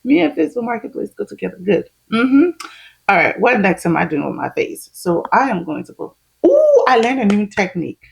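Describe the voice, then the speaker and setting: A woman's voice: mid-range voice, wildly swooping pitch, brisk, vocal fry, a little mellow, husky, low-quality recording. A woman, chatting casually at home while doing her makeup, laughing often as she explains each step. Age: 30s. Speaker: vlogger.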